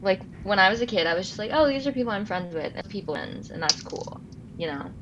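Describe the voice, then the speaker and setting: A nineteen-year-old woman from Los Angeles, California, co-hosts a casual podcast, telling stories full of detours and self-corrections. Her medium-pitched voice is animated and quick. The audio is dull, with heavy background noise.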